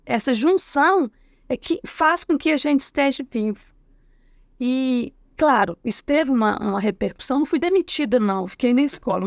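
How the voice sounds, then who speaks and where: Middle-aged Brazilian woman, lively storyteller. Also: high-pitched, no room sound, clean studio sound. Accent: Brazilian Portuguese. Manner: acts out quoted dialogue, frequent tag questions. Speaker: guest educator. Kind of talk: anecdotal storytelling in a casual interview.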